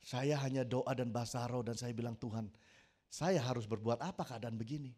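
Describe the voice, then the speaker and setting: Middle-aged male pastor from Indonesia, preaching a story-driven sermon that swells into loud emphatic appeals. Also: medium pitch, a little fast, husky. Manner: storytelling, acts out quotes, builds to loud emphatic peaks.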